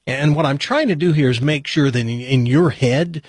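A man hosting a radio show, rambling casually and bluntly in a husky voice. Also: on the high side, moderate pace, a little mellow, no room sound. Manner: blunt, direct. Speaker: radio morning show host.

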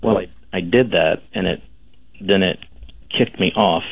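A man in his fifties calling in to a talk show over a crackling, distorted phone line, telling his story in a halting, dry way. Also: low-pitched, slightly rough, dry recording. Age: 50s. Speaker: caller. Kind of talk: casual call-in chat.

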